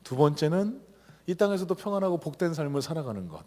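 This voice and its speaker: A middle-aged man preaching a sermon as a pastor, swinging between loud calls and low, quiet asides. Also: big pitch swings, quick pace. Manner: acts out shouted cries and quoted voices. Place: church sanctuary. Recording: long hall reverb of a church.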